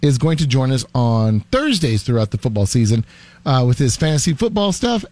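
A man's voice: mid-range voice, fairly quick, no echo. A man co-hosting a sports radio show, chatting casually and telling joking stories into a studio microphone. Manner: animated, joking storyteller.

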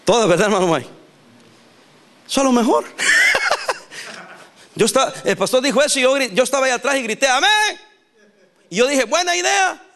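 A male pastor preaching a sermon in a lively, animated way, laughing and acting out quotes. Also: very high-pitched, normal speed, pauses often, slight background noise.

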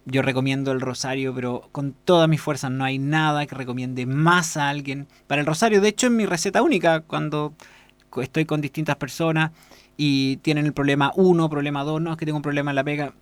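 Man, radio host, earnest unscripted talk, slightly high voice, dry close mic. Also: brisk, dry recording. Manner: unscripted, frequent fillers and restarts, earnest recommending. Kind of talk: casual spoken commentary.

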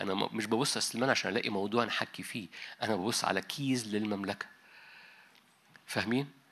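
A man's voice: mid-range voice, vocal fry, bright, forceful tone. A man preaching a sermon in an Egyptian Arabic accent, talking conversationally and dropping in English words. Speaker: pastor. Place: large conference hall.

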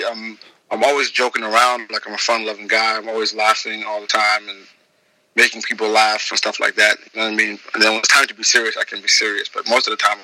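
A man's voice: fairly low pitch, no echo, rough recording. A young man from Zimbabwe, a music producer, talking casually as an interview guest with lots of restarts and fillers. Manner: relaxed, rambling with many restarts.

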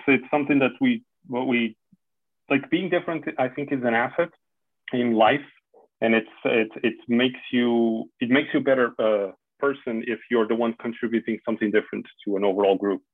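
A Portuguese man of about forty, a security specialist appearing as a podcast guest, answers casual interview questions earnestly and reflectively, often restarting his sentences. His medium-pitched voice stays steady and moves fairly quickly. The audio is dry and tinny, like a phone line, with no echo.

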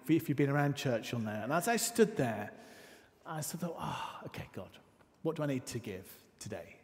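A man preaching a sermon, his voice carrying a long reverb through the church hall. He tells stories with dramatic pauses and drops into quiet, hushed asides, at a mid pitch for a man. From north of England.

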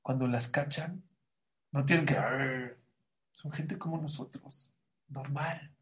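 A high-voiced man delivers a sermon in an echoey room. His delivery is animated, jumping between loud, stressed lines and hushed asides as he teaches and tells a story. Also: a little slow. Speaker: religious teacher. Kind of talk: sermon with anecdote.

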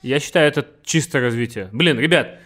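A man's voice: mid-range voice, fairly quick. A man from Kazakhstan with a burred r in casual chat, frankly explaining his work as a podcast guest and swearing now and then. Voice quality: burred r, says r softly in the throat. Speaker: podcast guest, network marketer.

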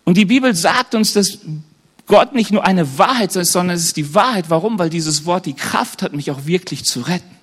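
A man's voice: high voice, normal speed, breathy edge. A man preaching a sermon to a live congregation in a conversational way, often turning to the listeners with questions and slipping in light humorous asides.

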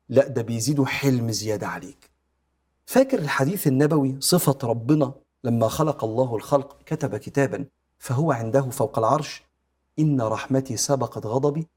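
A middle-aged man with an Egyptian accent giving a religious talk, retelling a story with quoted dialogue and often dropping to a soft hush. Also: medium pitch. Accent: Egyptian Arabic. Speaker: preacher.

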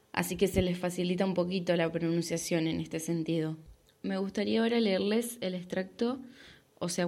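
A woman with an Argentine accent teaching a Spanish lesson on a podcast, explaining patiently and often checking that listeners follow. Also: fairly low pitch.

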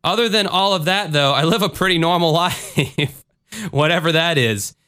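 Bright, clear-voiced casual male podcaster. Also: fairly high pitch, normal speed. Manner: informal, profane, conversational. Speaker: podcast host. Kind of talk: casual podcast talk with reading aloud.

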